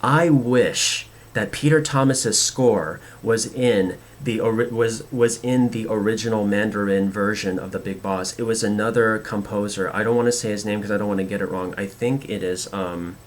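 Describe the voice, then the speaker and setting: A man with a fairly low voice gives casual, opinionated commentary as a show host. He is earnest and rambles, often halting to restart. There is slight noise behind him.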